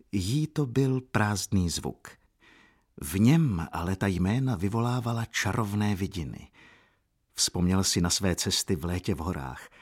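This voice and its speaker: A man narrating a story in a measured, unhurried way. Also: lowish voice. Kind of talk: audiobook narration.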